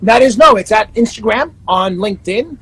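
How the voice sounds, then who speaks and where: Sitting high and a bit bright, this husky male voice is animated and paced normally. The speaker, a life coach in his thirties from Panama and the Netherlands, keeps things upbeat and self-promoting in a casual video-call interview, frequently restarting his sentences.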